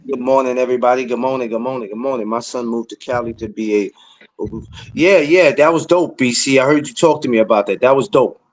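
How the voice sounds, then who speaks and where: A blunt man in his forties hosts a casual podcast. He talks in streetwise slang and lectures a little as he gives advice. His voice sits at an ordinary pitch. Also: brisk. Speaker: podcast host.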